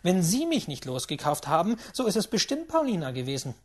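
A reader voicing a proud, agitated young gambler who speaks in raised, heated, rapid outbursts in an audiobook. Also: mid-range voice, lively intonation. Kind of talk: audiobook reading.

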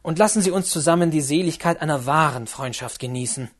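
A man voicing an earnest young woman in an audiobook, pleading and rising to a high, urgent pitch. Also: a little fast, natural voice. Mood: urging. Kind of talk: audiobook character reading.

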